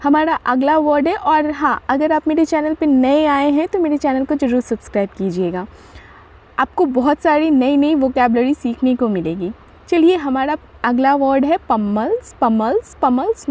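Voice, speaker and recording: A woman with a high voice teaches vocabulary at an unhurried pace. She explains patiently, spells each word out letter by letter, and asks herself questions before answering them. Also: darkish tone. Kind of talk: vocabulary lesson.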